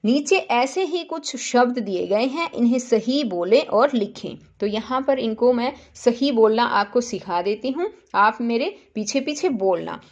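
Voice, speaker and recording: A woman teaching a primary-school Hindi lesson as a voice-over, saying words clearly one by one so children can repeat after her. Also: fairly high pitch, expressive. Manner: slow, careful word-by-word drills for repeating.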